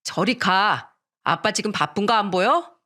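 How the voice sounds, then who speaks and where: A woman's voice: mid-range voice, animated, a little slow, bright, forceful tone. Grumpy dismissive husband in his forties for a radio story, curt and sulky, voiced by a woman. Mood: irritated. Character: surly lazy middle-aged husband, male.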